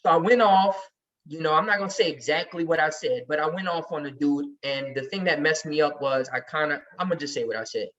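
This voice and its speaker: A man's voice: a little high, a little fast, fairly bright tone. A man talking emphatically and heatedly in casual chat as a regular on a sports podcast. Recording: distant, muffled recording.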